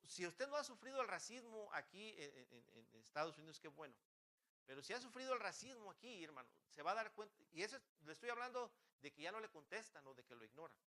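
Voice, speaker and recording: A man preaches in a church, his voice high and bright with a forceful edge. He presses his listeners with fervent rhetorical questions and keeps stumbling and restarting his phrases. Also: sing-song, quick pace. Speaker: pastor. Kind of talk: sermon.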